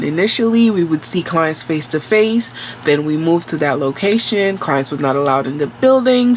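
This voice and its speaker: A New York City vlogger tells a work story slowly and casually, rambling with lots of fillers and self-corrections, nasal from a cold. The voice is medium-pitched, and the rough recording carries a little hiss or hum.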